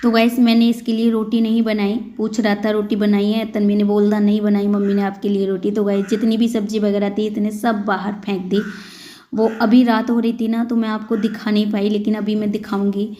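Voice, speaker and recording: A woman's voice: mid-range voice, little pitch movement, brisk, mellow. A woman, likely in her thirties, talking earnestly and plainly to her viewers in a casual home vlog. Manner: earnest, plain-spoken, addresses viewers as "guys". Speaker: vlogger.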